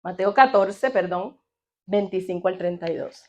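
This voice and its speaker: A woman preaching a sermon in an animated way, often asking her congregation questions. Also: medium pitch, normal speed, highs cut off. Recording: audio of a sermon.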